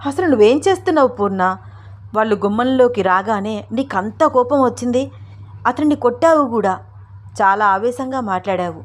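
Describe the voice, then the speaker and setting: A woman's voice: a little high, animated, normal speed, natural voice. A woman voicing an older husband in a storybook reading, pressing his wife with questions in a raised, agitated voice.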